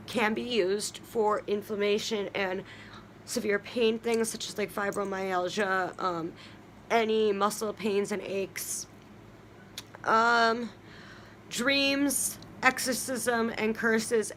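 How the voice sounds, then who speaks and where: A woman's voice: on the high side, steady tone, takes it slowly, a bit bright, a little hiss or hum. A young woman hosting a casual talk on herbs, chatty and full of ums and restarts as she works down a list. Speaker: witchcraft video host.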